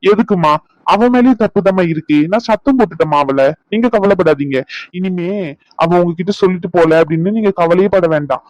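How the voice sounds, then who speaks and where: A man's voice: high-pitched, no echo, close to an everyday voice, poor audio. A man voicing a firm, coaxing cartoon husband. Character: young husband, firm but affectionate.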